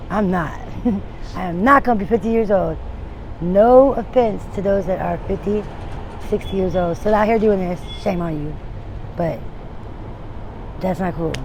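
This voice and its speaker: A woman's voice: medium pitch, measured pace, long pauses. A woman in her forties giving a candid street interview, rambling and frank with many restarts and trailing thoughts. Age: 40s. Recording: noisy outdoor street recording with traffic.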